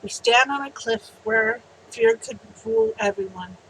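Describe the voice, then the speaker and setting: A woman vlogging, reading out a heartfelt message in an earnest, slow way and sounding teary. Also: sits high, very animated, a bit bright, slight background noise, poor audio. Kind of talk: personal vlog, reading a written message then chatting.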